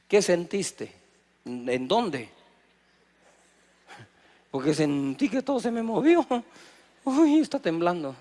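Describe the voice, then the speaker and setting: A middle-aged man with a Guatemalan Spanish accent, preaching a sermon, acting out little dialogues and calling on the congregation to answer. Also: a little high. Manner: lively preaching with acted dialogue and audience prompts. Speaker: pastor.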